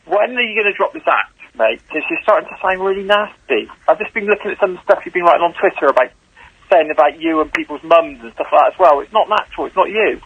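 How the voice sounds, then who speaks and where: Caller, man, on speakerphone down a phone line, high and fast, reproachful. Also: expressive. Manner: blunt, reproachful. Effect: heard over a phone line on speakerphone. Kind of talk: phone-in call. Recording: husky phone-line audio.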